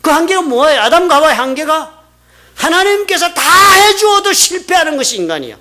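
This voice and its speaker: A man pastor giving a conversational sermon, firing rhetorical questions at the congregation and swinging between loud emphatic peaks and quiet asides. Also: extremely high pitch, sing-song, brisk.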